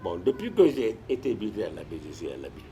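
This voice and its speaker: A low-voiced older man tells his stories in a sit-down interview. His pitch rises and falls widely as he goes. He restarts and repeats himself often. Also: fast talker, a little hiss or hum. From Guinea. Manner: animated storyteller with frequent restarts and repetitions. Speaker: retired sports administrator and guest.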